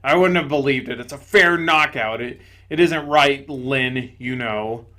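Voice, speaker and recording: During a storybook reading, a man voices a big, blustering ghost who is self-righteous and loud, speaking in rough, ungrammatical working-class language. His voice is medium-pitched and unhurried, and he sounds indignant.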